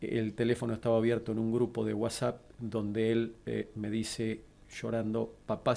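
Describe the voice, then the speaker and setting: A middle-aged man with an Argentine accent, a guest in an interview, calmly recounting a personal tragedy. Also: lowish voice, gravelly. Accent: Argentine Spanish. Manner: measured, steady, composed.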